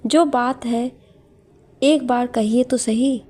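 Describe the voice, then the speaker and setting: Roshan, a gentle young husband, read by a woman. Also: a little high, fairly even intonation, takes it slowly. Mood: pleading.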